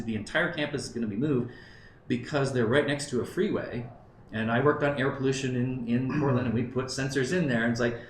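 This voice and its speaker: Man presenting in an echoey room. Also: medium pitch. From Southern California. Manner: conversational, checks in with the audience, thinks aloud. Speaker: conference presenter. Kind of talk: conference presentation to a live audience. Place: conference room. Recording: roomy live talk recording with faint background noise.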